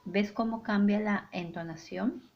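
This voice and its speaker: A woman teacher explains a grammar lesson at an unhurried pace. She sets out each rule clearly and gives weight to her example sentences. The sound is a little dull and lo-fi. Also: medium pitch, steady tone. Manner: slow, clear, deliberate delivery with stressed example sentences.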